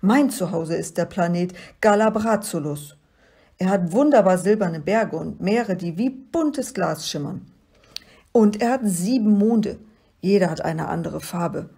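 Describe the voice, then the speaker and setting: A woman's voice: fairly low pitch, lively intonation, a little slow, vocal fry, dark tone, husky, full character voice. A woman voicing an indignant little male alien space pilot in a storybook reading. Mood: proud. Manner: indignant, emphatic.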